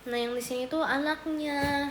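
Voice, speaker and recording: A woman's voice: high-pitched, steady tone, moderate pace, very noisy. A young Indonesian woman livestreaming from her phone, chatting casually with viewers and cooing baby talk at her cat. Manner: coos and baby-talks to her cat, reads chat aloud. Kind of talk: casual live stream chat.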